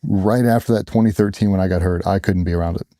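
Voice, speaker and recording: Dark-voiced man, candid and blunt. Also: low-pitched, fast talker, no room sound, clean studio sound. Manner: blunt, casual, with acted-out quotes. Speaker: interview guest, former Navy SEAL. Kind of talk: candid personal storytelling.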